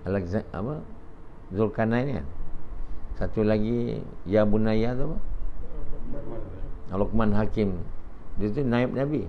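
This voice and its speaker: A man's voice: on the low side, takes it slowly, long pauses. Older man giving a talk. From Malaysia. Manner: conversational, rhetorical questions, quoted dialogue. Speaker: preacher. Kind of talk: after-dawn religious lecture. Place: home prayer gathering. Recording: dull lo-fi recording, faint noise.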